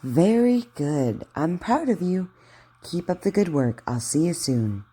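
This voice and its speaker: A woman's voice: fairly low pitch, lively intonation, measured pace, mellow, slightly rough. A woman speech therapist giving simple, encouraging instructions in a lesson. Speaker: speech therapist teaching articulation. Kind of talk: friendly instructional lesson talk.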